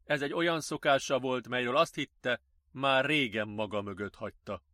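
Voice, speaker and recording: A man narrating an audiobook with measured, even delivery. His tone is bright and crisp, recorded close and dry with no room sound. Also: mid-range voice, dry recording.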